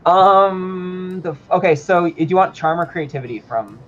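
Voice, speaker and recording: A man's voice: high voice, normal speed, slight background noise. A man playing a video game with friends on a stream, reading game text aloud, swearing and laughing often. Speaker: gamer. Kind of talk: casual game stream chat. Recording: muffled lo-fi stream audio, faint music.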